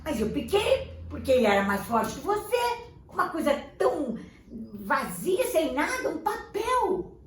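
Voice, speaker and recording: A woman's voice: sits high, very animated, unhurried, pitched above the performer's own voice. A woman voicing a stern, blunt father who speaks in a firm, scolding way. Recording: echoey room, distant mic.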